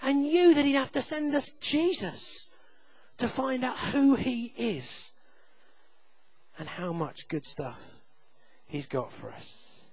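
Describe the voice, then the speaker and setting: A man in his thirties preaching a sermon, telling a personal story with self-deprecating humor and loud shouted reenactments. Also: very high-pitched, animated, slow, pauses often, dry recording, lo-fi sound. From England.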